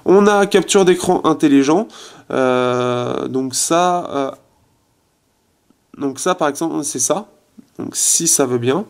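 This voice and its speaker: A man's voice: fairly high pitch, takes it slowly, creaky, pauses often. A man giving a casual phone review in his apartment, chatty and full of fillers, trailing off as he tests features. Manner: chatty, many fillers, trails off while testing. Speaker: tech reviewer. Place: his apartment, resonant room.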